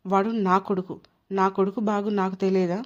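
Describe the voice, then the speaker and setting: A woman's voice: mid-range voice, level tone, normal speed, close to an everyday voice. A woman voicing a wronged young wife who is hurt, indignant and proud. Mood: angry, hurt. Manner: tearful, indignant. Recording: dull lo-fi recording.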